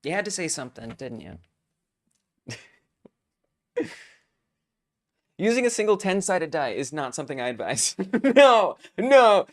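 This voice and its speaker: A young adult woman hosting a game jam stream, chatting casually in an excitable, self-mocking way. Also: fairly low pitch, a little slow, long pauses. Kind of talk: casual live-stream chat.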